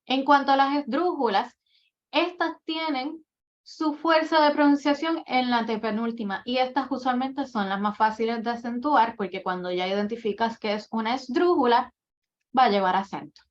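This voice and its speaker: A woman's voice: a little high, moderate pace. A woman giving a workshop lecture, explaining writing rules step by step with example after example. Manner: methodical, lists rules and examples one by one. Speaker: admissions coordinator giving a workshop. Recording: dull lo-fi recording.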